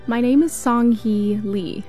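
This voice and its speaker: A woman's voice: a little high, slow pace, mellow, soft background music. A woman from South Korea, an opera singer, talking enthusiastically about her start.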